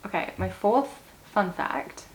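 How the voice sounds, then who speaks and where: A woman's voice: mid-range voice, slow, low-quality recording. A woman in her twenties with a New Zealand accent, chatting casually to camera in a get-to-know-me vlog, upbeat with small laughs. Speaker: vlogger. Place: indoors at home, seated. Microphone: small clip-on mic.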